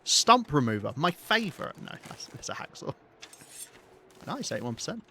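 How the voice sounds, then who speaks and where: A man's voice: fairly high pitch, very animated, moderate pace, noisy background. Wry southern English man streaming a game. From south of England. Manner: chatty and wry, swears, laughs often. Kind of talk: casual live gameplay commentary.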